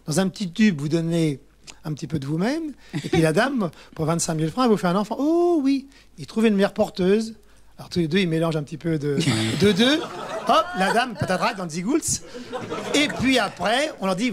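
A man telling jokes as a regular on a radio comedy panel, with a lively storytelling manner. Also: high-pitched, a little fast. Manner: lively storyteller, mimics characters.

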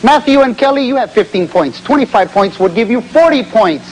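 A man's voice: extremely high pitch, lively intonation, fairly quick, darkish tone. A man hosting a game show with playful banter, recorded in a television studio. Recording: noisy TV studio with audience.

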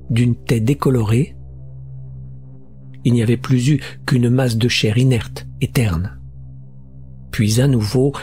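A man's voice: medium pitch, darkish tone. Man reading a horror story aloud. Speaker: audiobook narrator. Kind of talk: scripted narration of a horror short story. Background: faint music.

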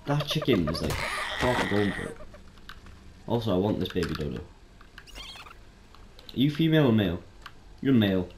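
Man, game streamer, casual let's-play commentary, chatty and excitable, echoey room, faint background noise. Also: on the low side, moderate pace, pauses often. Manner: chatty, excitable, with sudden startled yelps. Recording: roomy echo, faint noise.

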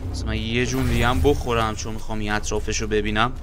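A young man giving excited, slangy gameplay commentary, shouting and bantering at enemies as he fights. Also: on the low side, background noise. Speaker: gameplay streamer.

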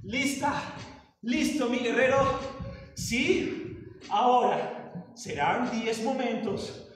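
A man's voice: extremely high pitch, very slow, slight background noise. A man with a Mexican Spanish accent leading a live online workout class, counting reps with playful cries and encouragement. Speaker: fitness instructor. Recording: roomy, distant mic with long reverb.

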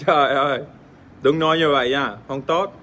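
Joking Australian man with halting vietnamese. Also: a little high, fairly even intonation, pushed and bright. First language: English. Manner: crude, joking, swears playfully, halting with fillers. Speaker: livestream host. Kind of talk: casual livestream chat reading fan comments.

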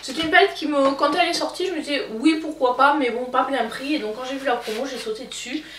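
A woman's voice: high-pitched, quick pace, a bit bright, distant mic, a little hiss or hum. Chatty woman in an echoey room. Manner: chatty, hesitant with frequent fillers. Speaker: beauty vlogger. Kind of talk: casual makeup haul chat.

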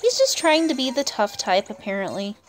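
Very animated and brisk, this fairly high-pitched woman chats through her gameplay as player and host, often speaking to herself and to the game's characters. Recorded indoors over game music, there's slight background noise.

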